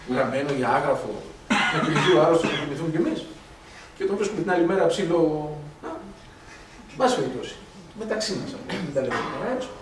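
A man giving a lively medical lecture, telling anecdotes, acting out dialogue and asking rhetorical questions. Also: a little high. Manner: animated storytelling, acts out dialogue, rhetorical questions. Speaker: doctor lecturing on blood gases. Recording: echoey hall from far off, faint noise.

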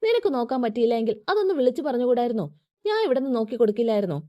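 A woman's voice: fairly high pitch, big pitch swings, moderate pace, warm tone, no echo, highs cut off. A woman voicing a middle-aged mother who scolds and comforts her daughter in a storybook tale. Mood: scolding.

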